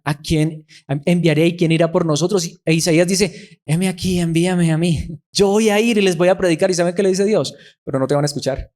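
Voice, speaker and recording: A man's voice: fairly high pitch, darkish tone. A man preaching a sermon, who keeps putting rhetorical questions to the congregation.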